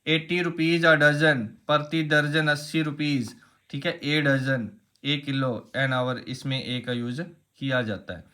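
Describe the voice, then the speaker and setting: A man's voice: on the high side, fairly even intonation, slow, bright, forceful tone. A man teaching an exam-prep grammar lesson, explaining step by step, asking rhetorical questions and repeating key points.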